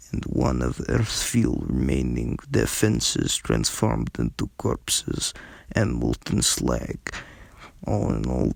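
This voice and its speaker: A man with a Russian accent reading a novel aloud in a gravelly, husky voice, haltingly, with stumbles and repeated words. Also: extremely low pitch, a little mellow, no room sound. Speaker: reader. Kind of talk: amateur audiobook narration of science fiction novel.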